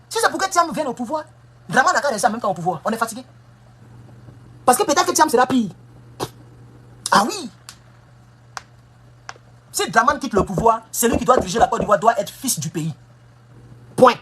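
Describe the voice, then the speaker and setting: A woman's voice: fairly high pitch, fairly bright tone, slightly rough. A woman giving an impassioned political monologue, emphatic and scolding, firing off rhetorical questions. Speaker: political commentator. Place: United States.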